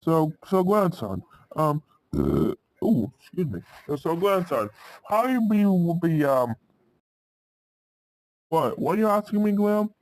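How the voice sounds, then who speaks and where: A man's voice: a little high, very animated, measured pace, darkish tone, dry recording, voice pushed up. A man voicing a chatty, doting grandmother in an improvised story, stumbling and hesitant as he talks.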